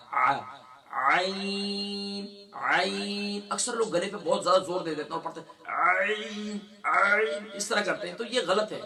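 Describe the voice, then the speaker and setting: A man's voice: high voice, gravelly, sharp tone, far from the mic. A man teaching Quran recitation in a tajweed lesson. He asks the class questions, answers them himself, and stretches out letter sounds to demonstrate them.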